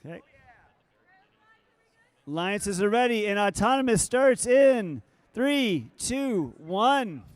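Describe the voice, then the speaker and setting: High-voiced man calling robot matches. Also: animated, takes it slowly, long pauses, clear, resonant tone, no echo. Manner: upbeat, joking with the crowd. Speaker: announcer. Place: event hall.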